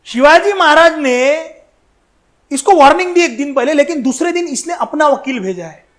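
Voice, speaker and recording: A man tells history as a lively, colloquial story, with a very high-pitched voice. He speaks straight to his listeners and drops in slangy asides along the way. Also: normal speed. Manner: animated, addresses listeners directly with slangy asides. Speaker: history educator.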